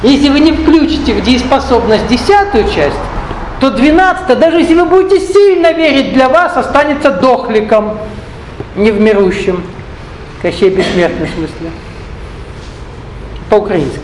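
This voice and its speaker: This spiritual teacher, a Russian speaker rather than a Ukrainian, lectures a live crowd in a notably high male voice, meandering among ideas, tossing in jokes and quizzing listeners. He is expressive, speaks at a normal rate and pauses frequently. There's echo and a low hall hum on the recording.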